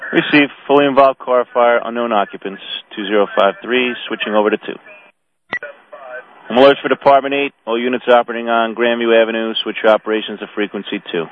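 A man's voice: mid-range voice, fairly even intonation, quick pace. A man dispatching fire units over two-way radio in a formal, procedural way, repeating messages back. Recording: tinny, narrow radio channel with hiss.

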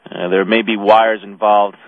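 A man's voice: fairly low pitch, flat delivery, moderate pace, no room sound. A man dispatching fire units over two-way radio in a formal, procedural way, repeating messages back. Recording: tinny, narrow radio channel with hiss.

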